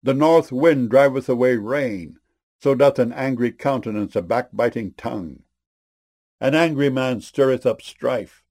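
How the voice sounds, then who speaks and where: A man reading verses of scripture aloud in a measured, solemn way. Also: fairly low pitch, vocal fry, a little mellow.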